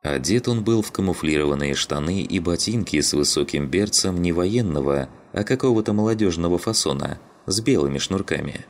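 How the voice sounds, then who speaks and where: Man, extremely low voice, audiobook narrator, steady even delivery. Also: fairly quick, hardly any pauses, a little hiss or hum.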